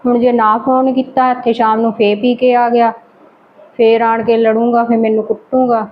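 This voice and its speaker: A woman's voice: fairly high pitch, flat delivery, moderate pace, highs cut off, slight background noise, close to an everyday voice. A woman playing a poor wife who protests against her husband and laments her fate, in an amateur family drama. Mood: lamenting. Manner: protesting, plaintive.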